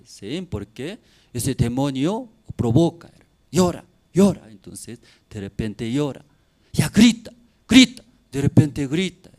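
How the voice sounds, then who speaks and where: A man's voice: medium pitch, a little mellow. A middle-aged man preaching a sermon as pastor, often ending phrases with tag questions and building to emphatic bursts.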